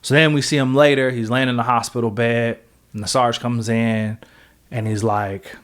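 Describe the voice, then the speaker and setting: A man's voice: medium pitch, level tone, moderate pace, fairly bright tone. A man on a podcast casually retelling a comic-book story, rambling with lots of fillers and correcting himself as he goes. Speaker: podcast co-host.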